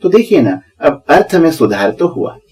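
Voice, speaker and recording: A man teaching a video lesson, explaining step by step and slowing down for examples, with a Hindi accent. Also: on the high side, sing-song, a little mellow, rough recording. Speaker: English teacher.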